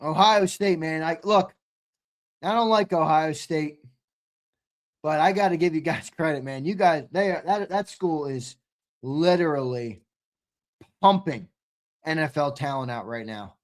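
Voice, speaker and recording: A man's voice: fairly high pitch, a little slow, long pauses. A man hosting a casual live sports reaction stream, talking to viewers like a frat bro and often repeating phrases for emphasis. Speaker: livestream host.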